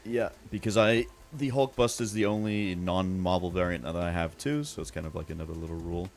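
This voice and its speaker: A man's voice: sits low, fairly even intonation, a little fast, creaky. A man talking casually on a panel, somewhat hesitant as he shares his thoughts. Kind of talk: casual chat.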